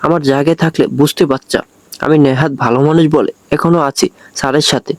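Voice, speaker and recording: A put-upon young male assistant mutters and grumbles about his boss, as a man reads him. His voice is fairly high, and the sound is dry and close. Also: steady tone, fairly quick, no room sound, natural voice. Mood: grumbling.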